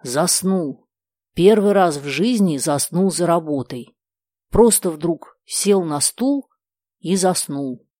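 A bewildered elderly shop appraiser, read by a woman narrator in an audiobook. He talks quietly and in a puzzled way, in a low, dry voice. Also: expressive, slow pace, dry recording.

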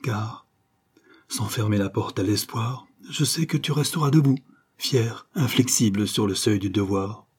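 A man's voice: on the low side, measured pace, slightly rough. A man voicing an affectionate younger brother who speaks reassuringly in a storybook reading. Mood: encouraging. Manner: warm and reassuring. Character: tender, admiring younger brother, encouraging.

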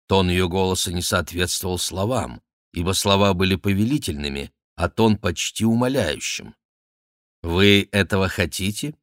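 A man narrating a historical novel in an even, measured reading. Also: deep voice, dry recording, clean studio sound. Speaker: audiobook narrator. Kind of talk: scripted narration.

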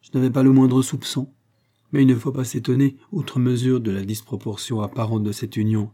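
A man's voice: mid-range voice, level tone, a little fast, warm tone, natural voice. A man voicing a clever, proud young woman in a read-aloud novel, speaking in a raised, earnest way.

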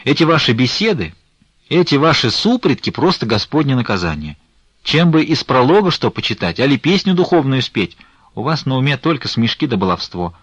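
A man's voice: medium pitch, very animated, fast talker, few pauses, husky, no echo, lo-fi sound. A man voicing a fussy, scolding but kind-hearted old woman nun in an audiobook.

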